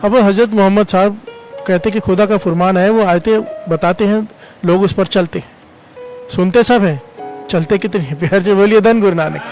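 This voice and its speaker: A man preaching a devotional sermon, often calling on the congregation to respond and chanting scripture lines slowly. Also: high voice, fairly even intonation, darkish tone, soft background music, poor audio. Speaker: Sikh preacher.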